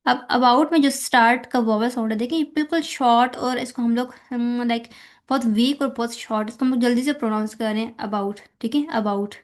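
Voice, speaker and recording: A woman's voice: fairly high pitch, steady tone, a little fast. A woman with a Pakistani accent teaching an exam-prep lesson, mixing English terms into her explanations and checking in often with the listener. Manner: explains in Hindi-Urdu mixed with English terms, repeats "ठीक है" often. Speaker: tutor.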